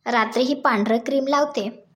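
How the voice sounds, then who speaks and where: A woman's voice: on the high side, normal speed, slight background noise, lightly acted. A woman voicing a nosy, teasing grandmother in a plain reading voice.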